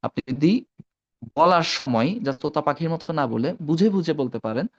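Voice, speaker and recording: A man's voice: on the high side, animated, moderate pace. A man teaching an online Arabic class. He mixes in English words and keeps checking that his students follow. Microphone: video call. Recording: dull lo-fi online call audio.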